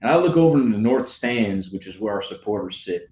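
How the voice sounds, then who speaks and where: A man's voice: lowish voice, lively intonation, fairly quick, darkish tone, slight background noise. A man, a stadium announcer, telling stories with enthusiasm and frequent laughs in a casual interview. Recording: roomy echo.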